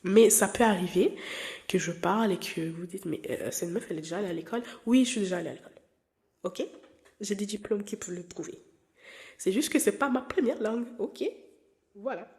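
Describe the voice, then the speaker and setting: Speaking a little fast with vocal fry and frequent pauses, a woman with a medium-pitched, slightly mellow voice hosts her podcast. In her twenties and not a native French speaker, she chats casually and personally, candid and playful, full of fillers and restarts.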